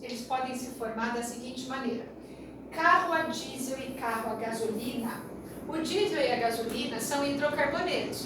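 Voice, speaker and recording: In a strongly echoing room captured by a distant mic with faint noise, a woman with a high-sitting voice gives a chemistry lecture. She speaks Brazilian Portuguese in a chatty manner, repeating a sing-song rhyme to help memory.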